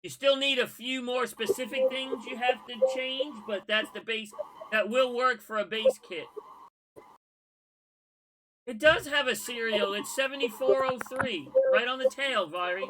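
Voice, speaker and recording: A man, hosting a casual scale modeling livestream and giving relaxed, folksy advice to viewers. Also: very high voice, measured pace, noisy background.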